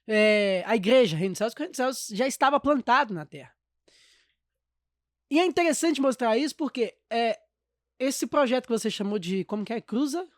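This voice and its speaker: A man's voice: extremely high pitch, animated, fairly quick. A Brazilian Portuguese-accented man hosts a church podcast interview. He reacts with enthusiasm and reflects on what his guest shares. The sound is dry and close, with no room echo. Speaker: podcast host. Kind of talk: conversational interview.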